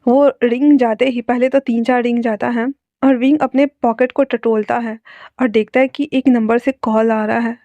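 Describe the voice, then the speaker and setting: Brief: woman storyteller, higher voice, chatty asides, dull lo-fi sound. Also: fairly even intonation, moderate pace, dark tone, no room sound. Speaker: fan fiction narrator. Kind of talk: casual story narration. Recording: dull lo-fi dry recording.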